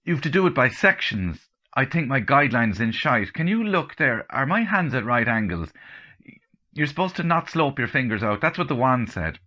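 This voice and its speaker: A man doing a bossy Irish countrywoman, high and scolding. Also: very animated, sharp tone, dull audio. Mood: fretting. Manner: exasperated, quick scolding retorts. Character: middle-aged Irish countrywoman, sharp-tongued and bossy.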